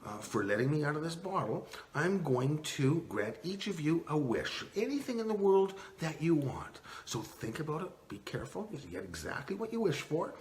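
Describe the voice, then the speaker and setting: A man's voice: on the high side, sing-song, normal speed, hardly any pauses, darkish tone, a little hiss or hum. A man voicing a grateful male genie in a told joke, speaking expansively. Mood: grand.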